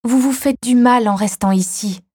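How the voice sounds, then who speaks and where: A woman voicing a kind young girl who asks questions in an earnest, higher voice. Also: normal speed, mellow, husky, dry recording, studio quality. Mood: concerned. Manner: earnest, raised pitch when questioning.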